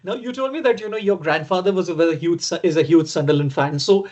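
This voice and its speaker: A man's voice: fairly high pitch, quick pace, a little mellow. A man from India hosting a podcast interview, speaking eagerly and filling his speech with "you know". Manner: eager, uses many "you know" fillers. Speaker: podcast host. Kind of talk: casual interview chat. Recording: dull lo-fi sound.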